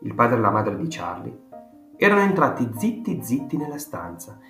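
A man narrating an audiobook in a measured, animated storytelling manner, in a roomy recording with faint guitar music. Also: medium pitch.

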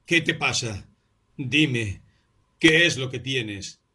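A man's voice: medium pitch, lively intonation, slow, bright, forceful tone, breathy edge, voice pushed up, heavily acted. A man voicing a distraught young clerk who pleads with his sick friend, his speech urgent and pleading. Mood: alarmed.

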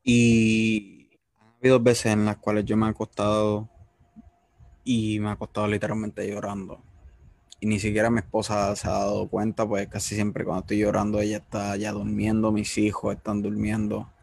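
Low gravelly earnest man. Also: monotone, moderate pace, darkish tone, no room sound. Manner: earnest, heartfelt. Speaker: host. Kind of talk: interview, faith testimony.

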